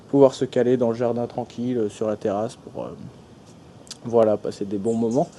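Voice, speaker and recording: A young man from France talks through a casual vlog while showing a house and its garden. He hesitates a lot and restarts his sentences, in a mellow, darkish voice at an ordinary pitch. A faint hiss sits under the recording. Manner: hesitant, many fillers and restarts. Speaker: travel vlogger. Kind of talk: casual vlog narration, giving a house tour.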